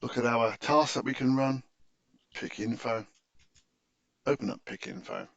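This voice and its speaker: In an unhurried, creaky, mid-range voice, a man methodically explains software during an unscripted screen-share tutorial. The sound is dull, though free of echo.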